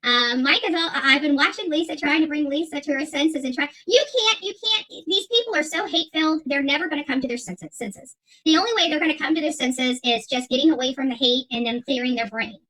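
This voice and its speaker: This middle-aged livestream host sits high in pitch and talks fairly quickly, her voice pushed and bright through a low-quality recording. Ranting without a script, she reads viewer chat and fires back combatively and emphatically, repeating her phrases.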